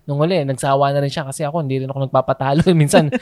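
Chatty Filipino podcast co-host. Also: male voice, medium pitch, fairly even intonation, rapid-fire, a little mellow, no room sound, clean studio sound. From Philippines. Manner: chatty, mixes English into Tagalog, many fillers and restarts. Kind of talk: casual podcast chat.

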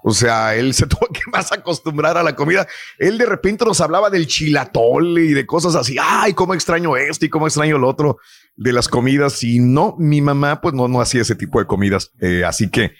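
Male radio host from Mexico, casual and digressive, slightly high voice, quick to laugh. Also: expressive, a bit bright. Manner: chatty, digressive, laughs easily. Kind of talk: casual morning radio chat.

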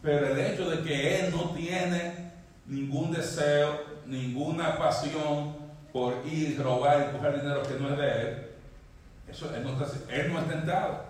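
A male pastor preaching a sermon, swinging from emphatic high peaks down to low quiet lines. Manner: preaching, rising emphatically, then dropping low. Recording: echoey hall, mic at a distance.

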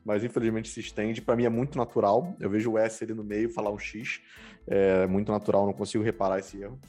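A man's voice: fairly low pitch, quick pace, soft background music. A man with a Carioca accent from Rio, chatting casually and telling stories with slang. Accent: Carioca Brazilian Portuguese. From Rio de Janeiro, Brazil. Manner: animated, slangy storytelling. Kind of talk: casual chat.

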